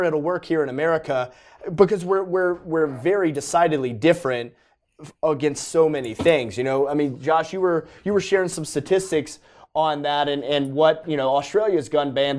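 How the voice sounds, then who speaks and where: A male host talks through a live-streamed panel in an animated, conversational way. He leans on fillers and asides. His voice sits a touch higher than most men's.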